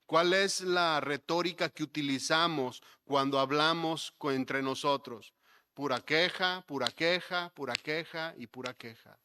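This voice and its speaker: A male pastor preaching a sermon, building to emphatic points and dropping to soft, low asides. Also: a little slow, clear, resonant tone. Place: church sanctuary.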